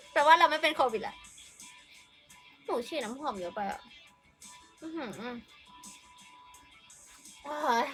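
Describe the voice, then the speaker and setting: A woman's voice: high-pitched, expressive, takes it slowly, pauses often, fairly bright tone, faint music behind. A young woman live streaming, chatting casually and playfully greeting and thanking viewers by name.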